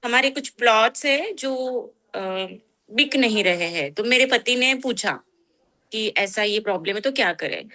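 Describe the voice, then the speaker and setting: A woman in a group session recounts an experience, hesitating and slipping into English phrases. Her voice sits high and sounds bright, and she talks slowly. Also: expressive. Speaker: workshop participant. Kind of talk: sharing an experience.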